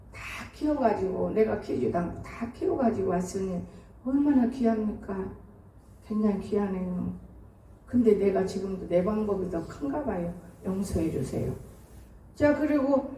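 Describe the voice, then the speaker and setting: A woman's voice: on the high side, a little mellow. An older woman pastor giving a sermon in a homey, storytelling way, acting out family conversations. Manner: colloquial storytelling, acts out family dialogue. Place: church sanctuary. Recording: echoey church hall from far off.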